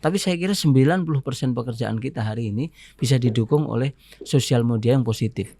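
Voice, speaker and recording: A man with an Indonesian accent, a podcast guest talking in a measured way and often pausing with fillers as he searches for words. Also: mid-range voice, dark tone, no echo. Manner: measured, fills pauses with "apa namanya". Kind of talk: casual interview talk.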